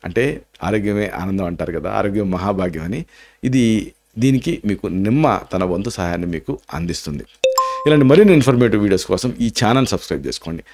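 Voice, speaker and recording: A man with a Telugu accent gives health advice as an Ayurvedic doctor, his voice sitting fairly low. He explains each remedy step by step, drops in English terms and pauses on filler sounds as he thinks. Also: expressive, darkish tone. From India. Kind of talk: health advice talk to camera.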